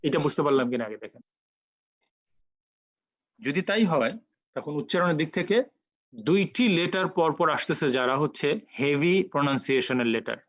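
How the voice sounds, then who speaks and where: A man teaching Quran recitation rules in an online lecture, explaining patiently step by step and repeating sounds slowly for practice. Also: on the high side, expressive, a bit bright, dry recording, poor audio.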